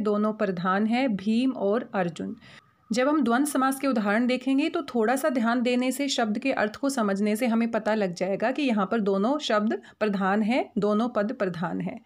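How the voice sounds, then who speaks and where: A woman with a fairly high voice teaches grammar from her slides. She is patient and methodical, and she slows down to spell out every example word. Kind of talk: explaining grammar over slides.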